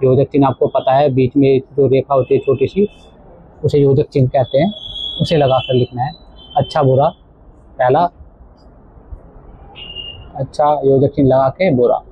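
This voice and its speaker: A male teacher explaining a textbook lesson to children, slowly repeating words for emphasis. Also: mid-range voice, fairly even intonation, slightly rough. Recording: tinny phone-like audio.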